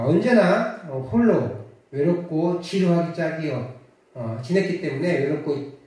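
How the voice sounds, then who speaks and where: A man's voice: on the high side, mellow. A male pastor preaching a sermon, telling a story with frequent hesitations. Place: church sanctuary. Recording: echoey church hall, mic at a distance.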